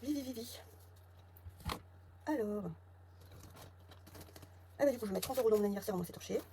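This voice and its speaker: A budget vlogger from the south of France, speaking with a southern French accent, thinks aloud and mutters sums and figures while counting her envelopes at home. Her mid-range voice is mellow and quick. The recording has clear background noise with clicks.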